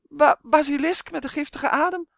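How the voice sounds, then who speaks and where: A squealing swarm of tiny storybook fairies, put on by a man, shrill and jittery, cackling over one another in panic. The voice sits very high, and the recording is close and dry with no room sound. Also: animated, measured pace, creaky, no echo, heavily acted. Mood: panicked. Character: panicky chorus of tiny fairy creatures.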